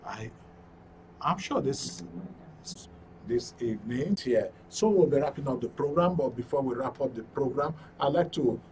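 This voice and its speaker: Hosting a live call-in show in a broadcast studio, this Nigerian man, a radio and TV presenter, speaks politely with plenty of hesitations. His mid-range voice has a darkish colour and expressive delivery at a normal speed. There's noticeable background noise and a distant-mic sound.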